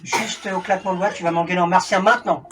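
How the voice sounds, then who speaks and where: A man's voice: high voice, steady tone, fast talker, fairly bright tone, raised voice. A man working as a stage hypnotist in a theatre, giving commanding suggestions to volunteers and teasing them playfully. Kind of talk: live stage hypnosis show. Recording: noisy, distant live theatre recording.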